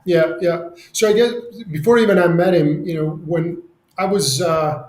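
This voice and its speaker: A man's voice: fairly high pitch, moderate pace, darkish tone, echoey room, poor audio. A man, speaking as an interview guest, earnest and restarting often. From Serbia. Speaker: guest, company executive. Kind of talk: podcast interview.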